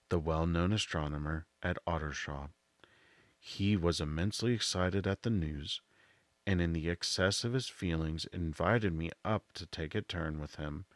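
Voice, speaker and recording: A man narrating a literary audiobook in a soft voice, with a measured, deliberate delivery. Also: deep voice, no echo.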